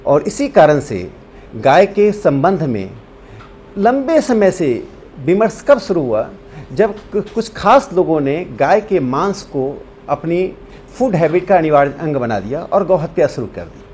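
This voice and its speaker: A man speaks emphatically in an interview, his slightly high voice rising and falling in a lively way. Faint ambience sits behind him. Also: unhurried, slight background noise. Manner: emphatic, declarative.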